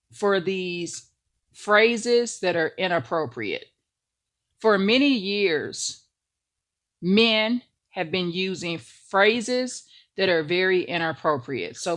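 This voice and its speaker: A woman's voice: medium pitch, animated, takes it slowly. A woman hosting a ministry channel, preaching a monologue to the camera and repeating phrases for emphasis.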